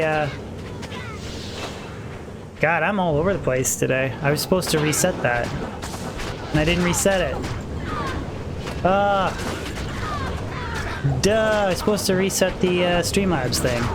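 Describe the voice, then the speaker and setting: A man livestreams a game with casual, rambling, slangy commentary, poking fun at himself as his voice grows a little tired. His voice is high-pitched, measured, and full of pauses, with a clearly noisy background.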